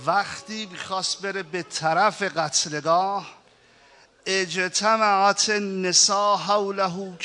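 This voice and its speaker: A man giving a mourning sermon, telling the story in a hushed voice and rising to shouted, emotional lament. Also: high-pitched, slight background noise. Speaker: preacher.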